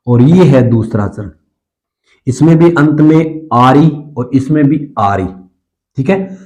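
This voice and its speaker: A man with a mellow, warm voice and an ordinary pitch teaches a classroom lesson on Hindi verse. He walks through each rule patiently and counts syllables out loud. Every so often he clears his throat or coughs, then checks in with a quick "okay". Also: poor audio.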